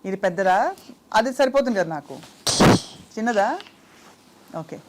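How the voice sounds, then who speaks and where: A woman's voice: medium pitch, lively intonation, a little slow, very noisy. A young woman hosting an interview, coaxing and teasing a small child with short questions in a Telugu accent. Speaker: interview host.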